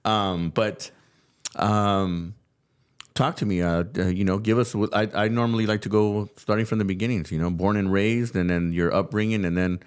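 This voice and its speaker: A man's voice: fairly low pitch, steady tone, moderate pace, smooth. A man from California hosting an interview in a studio, upbeat and loose, with lots of fillers and restarts. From California, USA. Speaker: podcast host. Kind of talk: casual interview chat.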